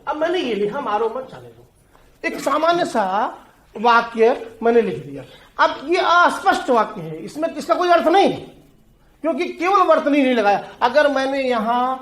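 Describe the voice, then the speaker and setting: A male teacher with a Hindi accent gives an exam-prep lecture on essay writing, speaking straight to his students and using everyday examples. His voice is very high-pitched and a bit bright, with reverberation.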